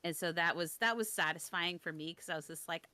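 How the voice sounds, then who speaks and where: A young woman with a bright, tense edge to her voice spins a story in casual chat. She pitches a little low, restarts her sentences often and pokes fun at herself, all in a dry, close sound. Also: clean tone, no room sound. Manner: storytelling, self-deprecating, quick restarts.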